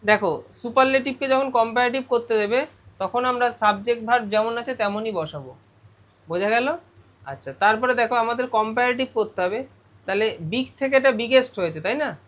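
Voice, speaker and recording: A man's voice: extremely high pitch, moderate pace, fairly bright tone. A male teacher going through a grammar lesson step by step, often putting questions to his students. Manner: explains step by step, asks the class questions.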